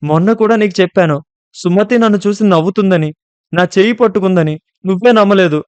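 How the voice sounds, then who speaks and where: A man voicing a frightened, angry young college woman who shouts accusations through her tears. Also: high-pitched, steady tone, quick pace, clean tone, no room sound, voice pushed up, lightly acted. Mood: scared, accusing.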